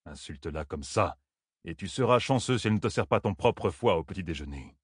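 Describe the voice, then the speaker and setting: A man voicing a weathered, wary older woodsman who talks low and wryly. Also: lively intonation, a little fast, slightly rough, dry recording, clean studio sound. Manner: low, muttering, wry.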